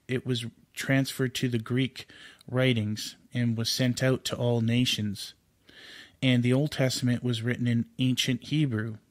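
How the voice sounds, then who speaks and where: A man's voice: mid-range voice, no room sound. A man giving an informal home Bible study, earnest and unscripted, with fillers and restarts as he explains scripture.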